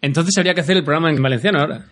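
A man's voice: fairly high pitch, very fast. A man hosting a casual chat and making wry, joking remarks. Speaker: host. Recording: clear background noise.

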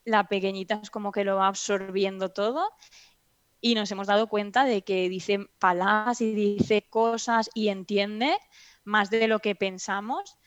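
A woman from Spain, chatting as an interview guest and telling animated stories. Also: mid-range voice, unhurried, no echo, muffled recording. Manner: chatty, animated storytelling with restarts. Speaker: interview guest, mother and teacher. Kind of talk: casual interview chat.

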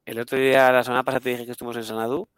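Male host, casual and animated, dry close-mic sound. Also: medium pitch, racing, clean tone, no echo. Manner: animated storyteller who acts out his kids. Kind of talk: casual chat.

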